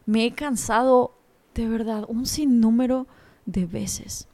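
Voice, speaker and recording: A woman's voice: fairly high pitch, steady tone, takes it slowly, creaky, darkish tone. Earnest young woman giving a devotional talk. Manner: earnest, personal and confiding.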